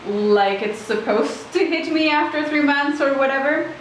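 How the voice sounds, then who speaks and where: A Swiss woman appears as an interview guest, chatting casually and rambling while she hunts for words. Her voice is high-pitched and expressive at a moderate pace. She's recorded from a distance in a very echoey room with faint noise.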